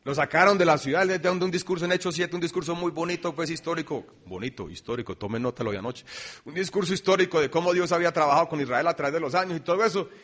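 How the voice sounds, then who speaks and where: A man preaching a sermon, swinging between loud emphasis and quiet asides. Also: fairly high pitch, fast. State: dry throat, coughing.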